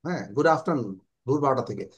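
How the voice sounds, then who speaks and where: A man with a Bangladeshi accent teaching an online English class, explaining in Bengali and slowly modelling English phrases. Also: medium pitch, lively intonation, breathy edge.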